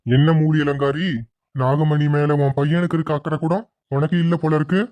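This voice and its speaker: A performer voicing a sinister male guru sorcerer in a cartoon, chanting rituals slowly and solemnly. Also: medium pitch, little pitch movement, a little mellow, natural voice. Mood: menacing. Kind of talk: cartoon voice acting.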